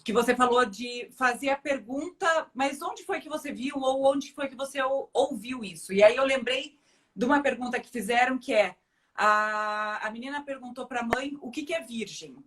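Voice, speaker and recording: A woman with a Brazilian Portuguese accent hosting a casual live talk and telling a story in a relaxed, conversational way. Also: on the high side, normal speed. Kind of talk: casual chat.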